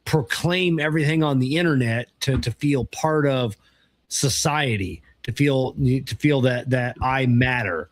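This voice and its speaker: A man's voice: mid-range voice, a little slow, no room sound. A man co-hosting a podcast, chatting casually, stammering and restarting his lines. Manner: stammering, restarts lines, mocks others' voices. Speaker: podcast co-host. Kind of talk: casual chat.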